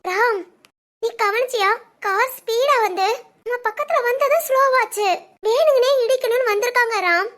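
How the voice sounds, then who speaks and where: A woman's voice: normal speed, fairly bright tone. A woman voicing a fragile, devoted young wife in a cartoon family drama, talking in a tearful, pleading way. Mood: suspicious. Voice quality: very high, girlish.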